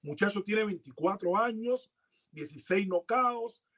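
High husky-voiced man, emphatic. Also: expressive, a little slow, fairly bright tone. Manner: emphatic, exhorting, repeats words for stress. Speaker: podcast co-host. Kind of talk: casual boxing chat.

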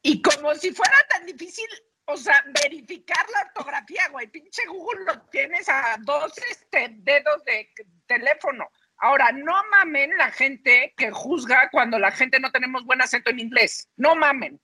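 High, bright Mexican woman. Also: moderate pace. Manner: slangy, complaining banter. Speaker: podcast co-host. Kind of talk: casual chat.

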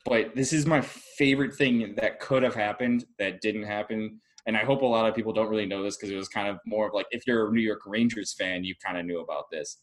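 A man's voice: lowish voice, fairly even intonation, fairly quick, hardly any pauses. Chatty, laughing man on a podcast. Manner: chatty, laughs often, works through details out loud. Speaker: podcast co-host. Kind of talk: casual sports chat.

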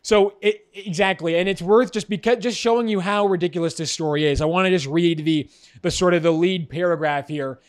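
A man's voice: high voice, brisk. A man co-hosting a news commentary show, incredulous and mocking about a story. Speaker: co-host.

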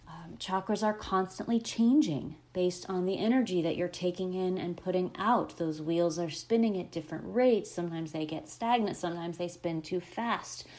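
A woman speaking as a podcast host and holistic coach, explaining spiritual wellness in a gentle, encouraging way. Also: fairly low pitch, normal speed, hardly any pauses.

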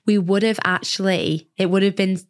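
A woman hosting a podcast in casual chat, her voice weak and husky because she is poorly. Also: medium pitch, fairly even intonation, normal speed. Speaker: podcast host.

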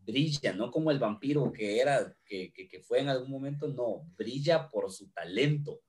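Man, mid-pitched podcast co-host, crude jokey banter with plenty of swearing. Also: animated, normal speed, darkish tone. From Guatemala. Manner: joking, crude, swears freely. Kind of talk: casual chat.

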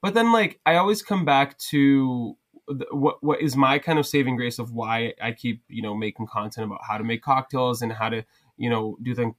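A man's voice: medium pitch, moderate pace, fairly bright tone. A young adult man, a podcast guest, chatting casually into a headset, rambling with many restarts and fillers. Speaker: podcast guest, cocktail content creator.

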